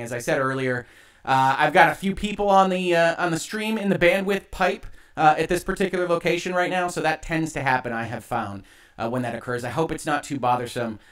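A man hosting an online show, giving emphatic, argumentative opinion commentary in deliberate phrases, with echo on his livestream audio. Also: a little high.

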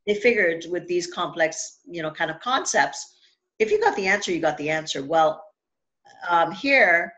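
A woman's voice: on the low side, very animated, normal speed, a bit bright, muffled recording. A woman from Trinidad and Tobago, hosting an interview in a chatty way, with many fillers and restarts. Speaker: podcast host. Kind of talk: casual interview chat.

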